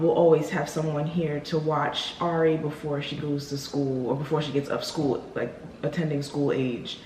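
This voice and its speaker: An American woman hosting a casual Q&A vlog, speaking frankly and emphatically. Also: low voice. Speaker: vlog host. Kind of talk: casual couple Q&A chat. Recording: roomy echo with clear background noise.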